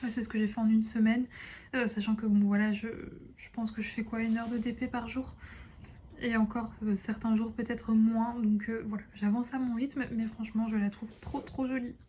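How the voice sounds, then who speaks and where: A young woman chatting casually to her viewers from her desk at home, relaxed and full of hesitations. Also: fairly high pitch, moderate pace, a little hiss or hum. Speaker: vlogger. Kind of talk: casual chat to camera. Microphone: phone camera.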